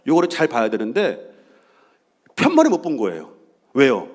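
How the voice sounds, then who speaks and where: A man's voice: medium pitch, normal speed. A man in his fifties, a senior pastor, telling stories in a Sunday sermon and acting out the quoted lines. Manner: animated, acts out quoted bickering and voices.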